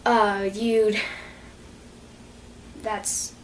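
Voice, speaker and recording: A woman's voice: medium pitch, flat delivery, drawn-out words. A young woman talking casually to camera about training dogs, rambling, apologizing and laughing at herself. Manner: rambling, self-deprecating, giggly. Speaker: dog training vlogger. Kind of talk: casual unscripted vlog. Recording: distant mic with faint noise.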